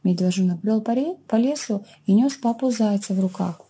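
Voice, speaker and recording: A woman reading a children's fairy tale aloud in a gentle, expressive storytelling way. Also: mid-range voice, brisk, slightly rough. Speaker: children's librarian reader.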